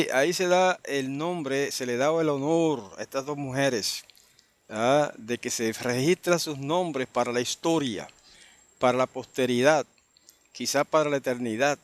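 Slow, deliberate male Bible teacher. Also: medium pitch. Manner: unhurried, explanatory, with frequent tag questions.

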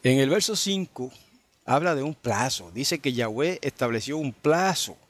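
A man's voice: medium pitch, animated, measured pace. A man, teaching an informal Bible study and stopping often to check in with his listeners. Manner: conversational, full of tag questions and fillers.

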